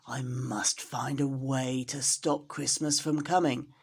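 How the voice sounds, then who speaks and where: A woman's voice: a bass voice, fairly even intonation, slow, background noise, voice pushed down, full character voice. A woman voicing a grumpy, scheming storybook creature who hates Christmas, with a sly, snarling manner. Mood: sneering, anxious.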